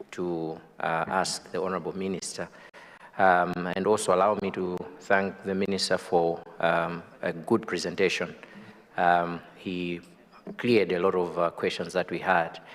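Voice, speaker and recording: A man with a Malawian accent putting a formal question in parliament, polite and halting, with many hesitations. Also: low voice. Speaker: member of parliament. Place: parliament chamber. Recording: long reverb of a hall.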